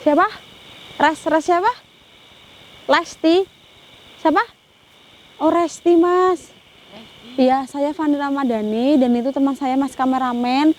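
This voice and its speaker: High-voiced woman on a hushed ghost hunt. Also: steady tone, slow, pauses often. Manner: hushed and pitying, with frequent Islamic exclamations. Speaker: ghost-hunting vlogger. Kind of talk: ghost-hunting vlog, talking to an unseen spirit.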